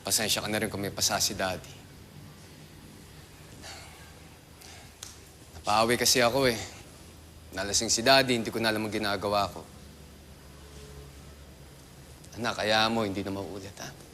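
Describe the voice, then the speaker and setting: Earnest soap-opera dad, Filipino accent, low but bright, forceful voice, burdened by grief. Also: male voice, steady tone, quick pace, slight background noise. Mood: apologetic, remorseful. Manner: emotional, earnest. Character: remorseful, embittered grieving father. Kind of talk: Filipino TV melodrama acting.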